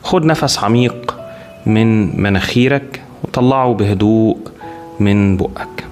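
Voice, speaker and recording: An Egyptian-accented man leads a guided body scan over clearly audible music. His voice sits on the low side. He gives short, calm instructions in a soothing, unhurried way, with long pauses between them. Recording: music behind the voice. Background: clear background music.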